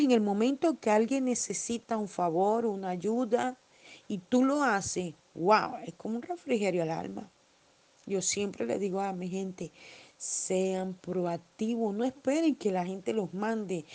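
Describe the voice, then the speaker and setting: Gravelly-voiced woman preaching a sermon. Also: mid-range voice, a little mellow. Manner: emphatic, fervent preaching with quoted scripture.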